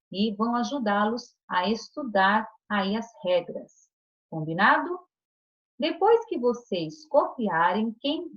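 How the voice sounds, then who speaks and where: A woman teaching a recorded online class to young children, patient and coaxing, checking in often with short questions. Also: mid-range voice. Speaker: primary school teacher. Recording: dull lo-fi recording.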